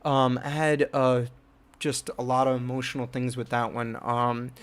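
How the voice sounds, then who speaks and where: This young American from New Jersey, a filmmaker and channel host, speaks at a measured pace in a clear, resonant mid-range voice with little pitch movement. His personal story about filmmaking wanders, thick with fillers and restarts.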